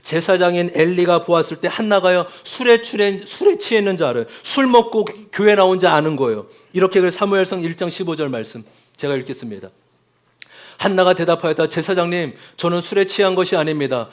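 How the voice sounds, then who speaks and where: A man's voice: sits high, lively intonation, fairly quick. A man preaching a Sunday sermon as pastor, often calling out to the congregation and acting out quoted voices.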